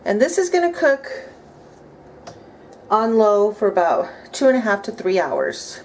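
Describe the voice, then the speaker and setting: In a casual cook-along from her home kitchen, a vlogger in her thirties chats cheerfully and thinks aloud while cooking. Her medium-pitched voice is sing-song, unhurried and a little mellow, over clearly audible clinking of pots, cutlery, dishes and utensils.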